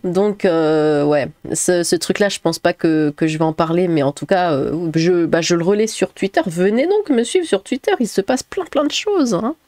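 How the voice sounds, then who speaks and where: A woman's voice: on the low side, normal speed, hardly any pauses, mellow, no echo. Chatty woman reading comments, dry sound. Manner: chatty, frequent fillers, giggles often. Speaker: YouTuber reading viewer comments. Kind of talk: casual chat.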